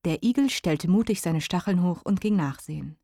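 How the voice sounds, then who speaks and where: A woman narrating a children's storybook in a gentle, expressive reading. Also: fairly low pitch, moderate pace, no echo, clean studio sound.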